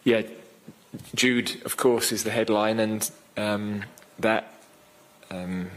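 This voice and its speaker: A football manager in his fifties answers questions at a post-match press conference, speaking into a desk microphone in a measured, thoughtful way full of fillers and restarts. His voice is fairly low and a bit bright with a steady tone, though the audio is poor.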